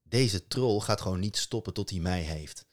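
Sharp outspoken little girl in a fairy tale, guy doing the voice. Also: low-pitched, lively intonation, normal speed. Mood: insistent. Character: clever, bold young farm girl.

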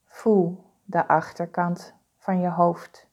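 Woman, meditation guide, very slow pace, dark relaxed tone, calm, soothing, deliberate. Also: lowish voice. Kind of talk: guided body-scan meditation.

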